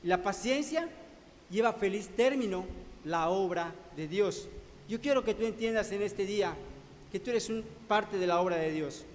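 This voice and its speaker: A man's voice: high voice, lively intonation, normal speed. A man preaching a sermon to his congregation in a church hall, calling them brothers and asking rhetorical questions. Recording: long hall reverb, faint background noise.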